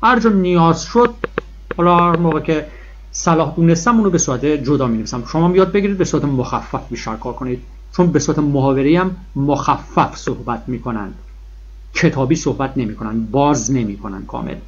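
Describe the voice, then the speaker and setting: A man teaching a grammar lesson, his voice sitting a touch high and coming through husky. He stresses and repeats every key point and draws example words out slowly. The recording is dull and lo-fi. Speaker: English teacher. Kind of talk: classroom-style grammar lesson.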